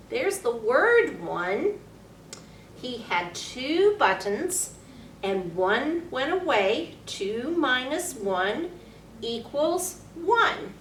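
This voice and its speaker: A woman reading a picture story aloud to young children like a teacher, with sing-song, exaggerated delivery and simple, deliberate phrasing for counting along. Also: a little high, fairly bright tone. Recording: roomy, distant mic, faint noise.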